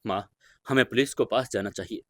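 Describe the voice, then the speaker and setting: A man's voice: lowish voice, a little fast, dry recording, studio quality, lightly acted. A man voicing a worried young adult daughter who asks anxious questions.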